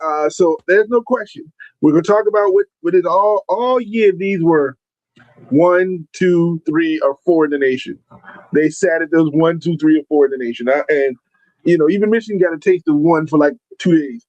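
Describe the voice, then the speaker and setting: A man's voice: a little high, normal speed, darkish tone, dry recording. A man in his forties co-hosting a podcast, chatting casually about sports in a laid-back, rambling way. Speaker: podcast co-host. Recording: dull lo-fi sound.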